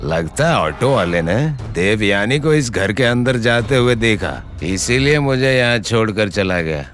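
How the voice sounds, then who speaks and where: A man's voice: on the low side, animated, unhurried, fairly bright tone, soft background music. A man voicing a pushy adult man who pleads insistently.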